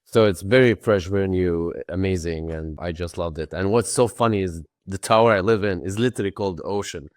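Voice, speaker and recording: A man speaking as a guest on a remote podcast interview, relaxed and rambling, with lots of "like" and "right". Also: sits low, fairly quick, few pauses, dry recording, studio quality. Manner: relaxed, rambling, uses many fillers. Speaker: podcast guest, tech company founder. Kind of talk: casual interview answers.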